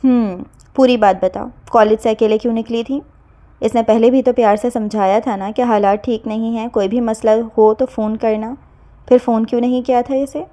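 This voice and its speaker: A caring middle-aged aunt in an audio novel, coaxing and calm as she reasons gently, as the woman narrator puts her on. The voice is warm, mellow, and fairly high. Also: lightly acted. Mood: patient. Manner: soothing, patient, coaxing.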